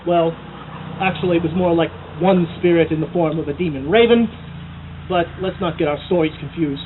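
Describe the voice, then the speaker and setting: A man, an amateur performer, gives a theatrical, melodramatic reading of a spooky tale, deliberate and full of drawn-out pauses, with a voice on the high side. He is reading poetry aloud outdoors at an evening party. The recording sounds muffled and phone-like, with loud background noise.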